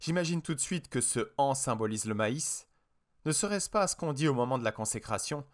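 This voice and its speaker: A man's voice: medium pitch, lively intonation, fairly quick, pitched above the performer's own voice, close to an everyday voice. A man voicing a blunt, stubborn husband in an audiobook. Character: stubborn, tense husband, a driver. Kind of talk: audiobook character voice.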